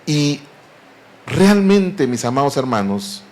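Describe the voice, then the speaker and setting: A man's voice: a little high, sing-song, takes it slowly, a little mellow. A man preaching a sermon, earnestly and often addressing the congregation as beloved brethren.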